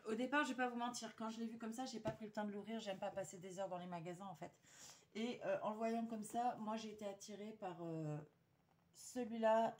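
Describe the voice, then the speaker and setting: A woman chats to her viewers about a paper haul, hesitating often with fillers and restarts. Her voice sits mid-pitched. A faint hiss runs under the recording. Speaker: vlogger showing a paper haul. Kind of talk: casual chat to viewers.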